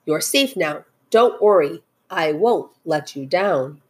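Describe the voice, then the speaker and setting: A woman voicing a gentle, protective male elephant from a storybook, sincere and pleading in manner. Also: low voice, lively intonation, takes it slowly, slightly rough, full character voice. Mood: reassuring.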